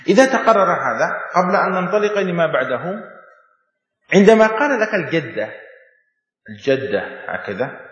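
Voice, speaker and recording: A man's voice: fairly high pitch, fairly bright tone. A man teaching Islamic law in a classroom, repeating key terms and often checking that students follow. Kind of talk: classroom lecture explaining a text. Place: classroom with a board. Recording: dull echoey hall sound.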